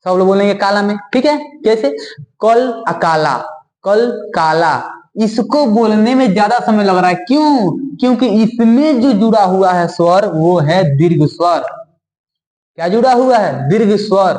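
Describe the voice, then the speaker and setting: A man teaching a Hindi grammar lesson at a board, repeating key terms, quizzing the class and drawing out vowel sounds slowly. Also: sits high, warm tone, roomy sound, poor audio. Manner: drawn-out, deliberate delivery of vowel sounds.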